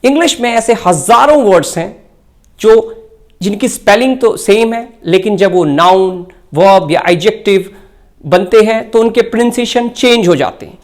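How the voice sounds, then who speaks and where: A man's voice: high voice, normal speed. A man teaching a spoken-English grammar lesson, explaining carefully and spelling words out letter by letter.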